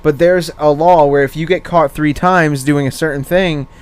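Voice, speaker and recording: A man's voice: fairly high pitch, steady tone, normal speed, smooth. A man co-hosting a podcast, joking around and telling rambling stories in casual banter. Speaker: co-host.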